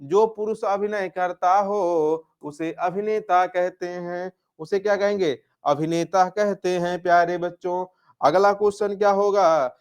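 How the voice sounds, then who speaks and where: A Hindi grammar teacher with a high, clear, resonant voice goes through exam questions a little slowly and with fairly even intonation. He repeats every answer, asks "क्या?" before answering himself, and addresses students by affectionate nicknames.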